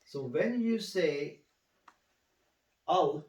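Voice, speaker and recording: A man tutoring one student in recitation, patiently explaining and repeating words slowly so the student can echo them. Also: a little high, lively intonation, darkish tone, distant mic. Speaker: Quran recitation teacher. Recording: roomy, a bit off-mic.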